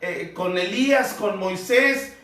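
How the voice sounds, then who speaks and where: Male pastor giving a sermon: slow and earnest, bright tone, echoey room. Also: high-pitched. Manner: measured, earnest preaching with rhetorical questions. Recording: echoey room, heard from a distance.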